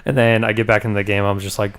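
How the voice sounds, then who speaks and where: Dude cohosting a gaming podcast, swears a ton, laughs, rambles and trails off. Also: male voice, on the low side, little pitch movement, rapid-fire, fairly bright tone, clean tone. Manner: swears freely, laughs often, trails off mid-sentence. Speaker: podcast co-host. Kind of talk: casual gaming chat.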